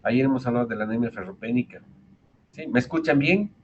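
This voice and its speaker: A man with a Bolivian Spanish accent teaches medicine over a video call, explaining carefully and circling back on his words. His voice sits at an ordinary middle pitch. The audio is dull and lo-fi, with a faint hiss behind it. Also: quick pace. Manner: explanatory, repeats and restarts words. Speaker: medical lecturer. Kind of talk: online medical lecture.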